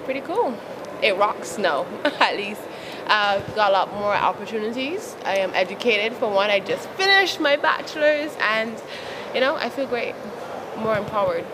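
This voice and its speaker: In an outdoor interview with traffic audible behind her, a young adult youth advocate from Barbados responds frankly and laughs often. Her mid-range voice is animated, her speed normal, and her accent Barbadian.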